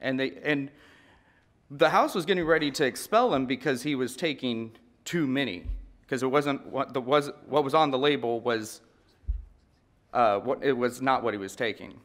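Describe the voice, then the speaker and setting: The speaker, a man in his thirties, has a fairly bright, medium-pitched voice and a moderate pace. Delivering an earnest breakout talk at a podium microphone in a large conference hall, he speaks conversationally and often repeats words when restarting sentences.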